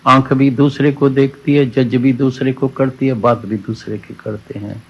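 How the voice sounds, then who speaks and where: A man's voice: medium pitch, flat delivery, a little slow, slightly rough. A man giving a satsang sermon, preaching with repeated key words and quoted scripture lines, on dull lo-fi audio. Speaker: spiritual teacher. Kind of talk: Hindi satsang sermon with a told parable.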